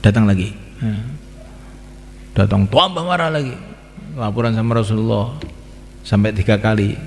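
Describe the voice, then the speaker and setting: A man's voice: on the low side, normal speed, a little hiss or hum. A man preaching an Islamic sermon, repeating phrases and breaking into chanted lines. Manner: repetitive, sing-song chanting of call to prayer. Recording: reverberant hall.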